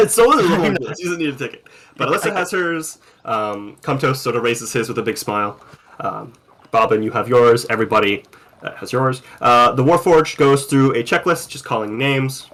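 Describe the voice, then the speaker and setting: A man's voice: medium pitch, moderate pace, fairly bright tone. A man narrating a tabletop game as game master, loose and rambling with lots of ums.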